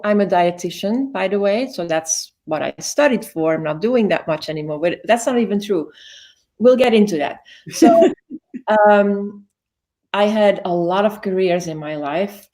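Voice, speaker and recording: A Belgian woman in her fifties tells her life story as an interview guest, chatty and frequently correcting herself, with lots of "like" fillers. Her voice is on the low side and warm.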